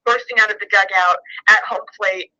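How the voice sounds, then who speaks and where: A woman's voice: mid-range voice, steady tone, normal speed, bright, forceful tone. A woman, a sports show host, talking chattily over the phone with lots of fillers in a casual interview. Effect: heard over the phone. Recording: muffled phone line.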